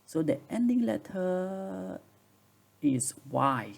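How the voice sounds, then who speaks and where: A man's voice: sits high, big pitch swings, takes it slowly, creaky. A man teaching a grammar lesson, patiently repeating rules and examples. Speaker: English teacher.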